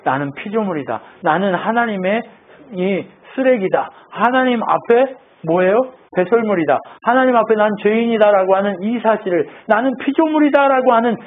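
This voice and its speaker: A man's voice: high voice, animated, normal speed. A man preaching a sermon as pastor in a conversational style, often putting questions to the congregation, in a tinny phone-like recording.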